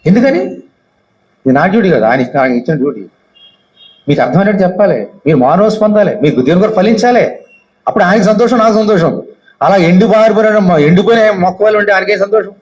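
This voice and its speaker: A man's voice: high voice, expressive, fast talker, poor audio. An Indian man preaching as a pastor, reading scripture aloud and often firing questions at his congregation, his voice rising and falling. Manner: questions the congregation often, swings loud and soft with repeated phrases. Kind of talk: sermon with Bible reading. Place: church hall.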